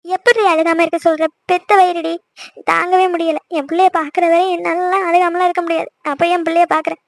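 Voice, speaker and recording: A desperate middle-aged mother, high and fast, begging for news again and again in a sobbing, pleading voice, as a woman acts her out. It sounds close-miked and dry, like a home recording for a cartoon. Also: little pitch movement, gravelly, no room sound. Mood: tearful. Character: distraught middle-aged mother of an injured son. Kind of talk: voice acting for an amateur animated serial.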